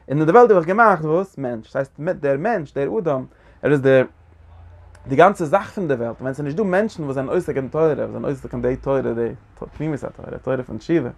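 A man teaching a lecture on a religious text, talking in halting phrases that he often repeats and restarts. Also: medium pitch, gravelly.

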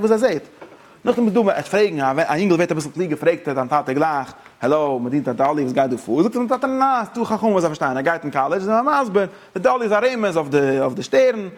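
A man teaching a Torah lesson, talking excitedly with stumbling restarts and English words mixed in. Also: fairly high pitch. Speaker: religious teacher.

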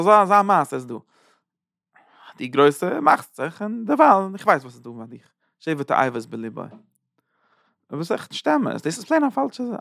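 A man's voice: mid-range voice, vocal fry, fairly bright tone, dry recording, clean studio sound. A man giving a Torah sermon, chanting verses in a sing-song and repeating phrases for emphasis. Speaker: preacher giving a Torah talk.

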